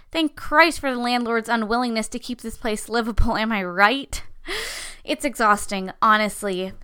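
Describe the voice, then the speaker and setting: An actress in her twenties voices a sarcastic young waitress who dreams of music, talking through an audio drama monologue. Her voice sits high and sounds bright and crisp. She keeps a dry, wry edge on everything she says. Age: 20s. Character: sardonic young woman, struggling musician and waitress. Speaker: monologue narrator.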